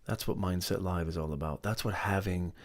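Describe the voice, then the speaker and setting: A man's voice: low voice, a little fast. A middle-aged man hosting a motivational live stream, talking emphatically, repeating his points and greeting viewers by name.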